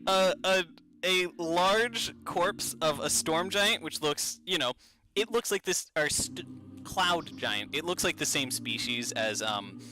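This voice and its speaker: Young male game master, slightly high voice, unhurried and hesitant. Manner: relaxed, hesitant with fillers. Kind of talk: narrating a tabletop game.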